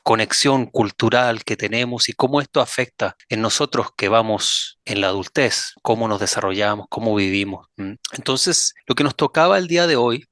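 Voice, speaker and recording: A man's voice: mid-range voice, moderate pace, few pauses, fairly bright tone, no room sound, clean studio sound. A man hosting an interview, talking in an easygoing conversational way and often answering with short listening sounds. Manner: chatty, frequent listening sounds. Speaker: host. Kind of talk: casual interview.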